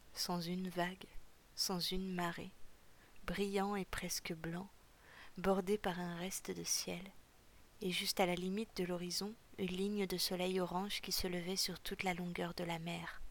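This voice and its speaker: A woman narrating a novel chapter in a calm, measured, often half-whispered way. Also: fairly low pitch. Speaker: audiobook narrator. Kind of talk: scripted narration.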